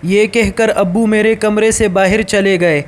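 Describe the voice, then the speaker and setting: A man reading a scripted story aloud in a steady, even storytelling voice. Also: high voice.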